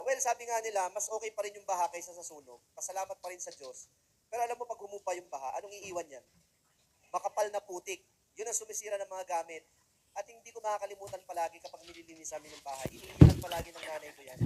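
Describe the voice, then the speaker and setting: A man's voice: sits high, mellow, low-quality recording. A young man giving a joking, self-deprecating testimonial speech to an audience. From Philippines. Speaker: motivational speaker.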